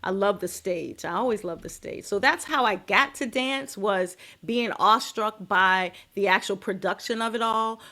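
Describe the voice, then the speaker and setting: A middle-aged woman from the United States, speaking as a guest in a podcast interview. She tells her stories in an expressive way and leans hard on key words. Her voice sits at an ordinary middle pitch. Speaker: guest, dance and movement healer.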